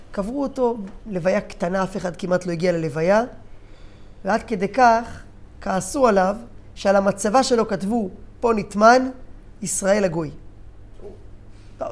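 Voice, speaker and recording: Animated male Torah teacher telling a story. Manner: animated storyteller, raises voice for quoted characters, drops low for solemn moments; frequent hesitation fillers.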